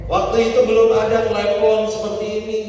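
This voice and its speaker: A man preaching a sermon in a sing-song delivery, swinging between loud highs and soft lows. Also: monotone, fairly quick, soft background music. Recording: echoey hall from far off.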